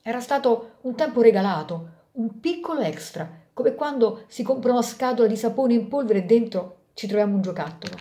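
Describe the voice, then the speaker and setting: Woman reading a story aloud, expressive, lively pitch, mellow voice. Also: a little fast, few pauses. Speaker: storyteller, channel host.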